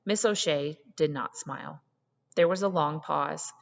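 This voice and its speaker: Lowish woman storyteller in reverberant space. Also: a little slow, gravelly. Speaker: story reader. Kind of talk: expressive literary narration. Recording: muffled, long hall reverb.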